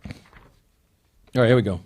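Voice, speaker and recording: A man's voice: slow pace, a little mellow. A man hosting a live stream, talking casually and reading a list of names with asides. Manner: chatty, digressive, reads names off a list. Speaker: host.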